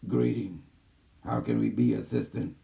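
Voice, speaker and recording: A man voicing a gentle, calm male care robot that speaks in soft, low, clipped system announcements over a video call. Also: normal speed, vocal fry. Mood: calm, mechanical. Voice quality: soft, low, even machine-like delivery. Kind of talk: channeling a machine entity on a video call.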